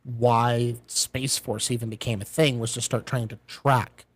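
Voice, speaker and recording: A man's voice: mid-range voice, level tone, unhurried, husky, no echo. A man talking in a casual, conversational way. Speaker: military veteran. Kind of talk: casual chat.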